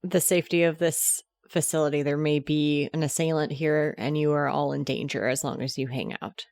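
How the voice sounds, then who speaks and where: A woman's voice: deep voice, fairly even intonation, moderate pace, a little mellow, no echo. A woman role-playing a tough, commanding investigator in an authoritative, clipped cop voice for a tabletop game. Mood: stern, commanding.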